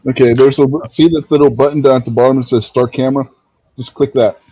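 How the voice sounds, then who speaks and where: A man's voice: mid-range voice, steady tone, fast talker, dark tone, breathy edge, no echo, low-quality recording. A man on a live-stream voice chat, chatty and helpful, patiently explaining how to do things. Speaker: fellow streamer and guest. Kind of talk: casual chat, explaining step by step. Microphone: online voice chat.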